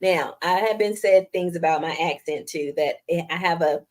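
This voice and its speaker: A middle-aged US woman with a Southern accent talks casually with viewers during a live stream, laughing frequently, reading out their comments, and teasing herself. Her voice, light and youthful, is fairly low and a bit mellow, delivered at a moderate pace.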